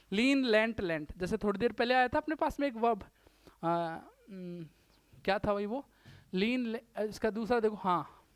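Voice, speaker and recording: A man's voice: high-pitched, smooth, no room sound. Guy from india teaching english grammar, rajasthani hindi accent, keeps repeating the verb forms, calls the class brother, clean dry mic. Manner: drills word forms aloud by repetition; chatty, addresses students as brother. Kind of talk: classroom lecture.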